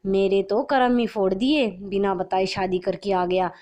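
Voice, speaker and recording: A woman voicing a quarrelsome middle-aged mother-in-law who scolds loudly and bitterly in a storybook tale. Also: medium pitch, fairly even intonation, a little slow, natural voice. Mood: shouting angrily.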